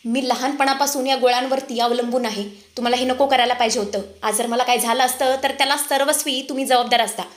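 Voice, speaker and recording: A reproachful young husband, shaken after an illness, voiced by a woman narrating. The tone stays fairly high. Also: steady tone, quick pace, hardly any pauses, echoey room, natural voice.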